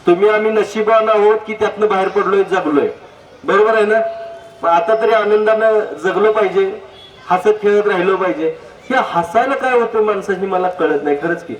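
High-voiced man joking in an echoey hall. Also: moderate pace. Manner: jokey, anecdotal, asks the audience direct questions. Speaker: public speaker on health. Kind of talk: humorous public talk. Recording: echoey hall, distant mic, faint noise.

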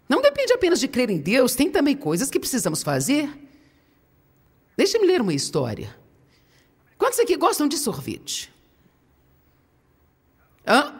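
A woman with a Brazilian Portuguese accent preaching to an audience in a large hall, playful and animated as she tells stories. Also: a little high, husky. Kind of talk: sermon, humorous storytelling. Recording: long hall reverb.

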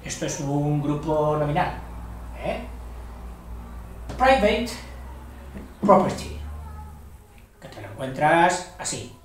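A man from gives a slow, patient grammar lesson and often checks in with the listener. He speaks from some distance off the mic, and his voice rings in a very reverberant room. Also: fairly high pitch, fairly even intonation, slight background noise. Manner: explanatory, self-deprecating, frequent "¿eh?" checks. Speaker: English teacher.

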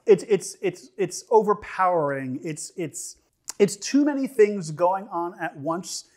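A young man with a fairly high-pitched voice talks through a casual food review. He rambles in a halting way, often repeating himself, and slips in humorous asides as he goes. The voice is picked up by a lapel mic indoors. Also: lively intonation, darkish tone. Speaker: snack reviewer. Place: indoor studio set with dark curtain backdrop.

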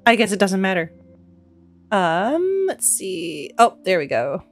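With huge pitch swings in a mid-range voice, a young woman takes it slowly as she streams casual let's-play commentary at home on a headset. She's stuffy from a cough but chatty, giggly, and quick to react aloud. Faint music can be heard behind her.

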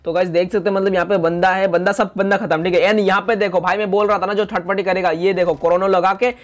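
A young man talks over his gameplay footage in a high, animated voice, chatty and quick to complain with mock drama. He sounds close to a desktop mic at home. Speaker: gaming YouTuber.

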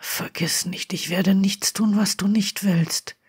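Reader doing a husky whispered wizard guy, 40s, tender and coaxing, whispered role-play. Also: high-pitched, fairly even intonation, slow, full character voice. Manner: soft, coaxing, reassuring.

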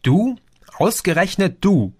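A man's voice: medium pitch, expressive, unhurried, fairly bright tone, no echo, studio quality. A man voicing a mocking young friend who keeps disbelieving what he hears. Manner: mocking, incredulous.

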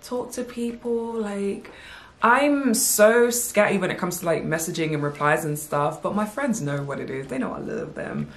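A woman, chatting casually through a Q&A video to her viewers, playful and animated with slang asides. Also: mid-range voice, moderate pace, reverberant. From United Kingdom. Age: 20s. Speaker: YouTube vlogger. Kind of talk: casual Q&A chat to camera.

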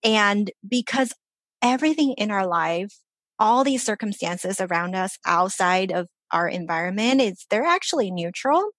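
Lively intonation marks this mid-range female voice, which moves at a moderate pace with a fairly bright tone and no echo. She is a life coach born in China and raised in Los Angeles, appearing as a podcast guest and sharing earnest, upbeat motivation in a casual interview.

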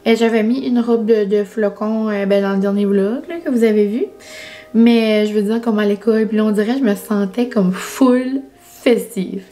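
A woman's voice: mid-range voice, steady tone, normal speed, mellow. A young woman with a Quebec French accent chatting casually to camera, full of fillers and English words. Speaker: vlogger. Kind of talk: casual vlog chat.

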